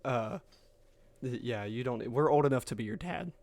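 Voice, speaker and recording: A man's voice: medium pitch, animated, moderate pace, creaky, darkish tone, no room sound. A man in his late twenties co-hosting a podcast in casual chat, laid-back and jokey, laughing often and swearing. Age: late 20s. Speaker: podcast co-host.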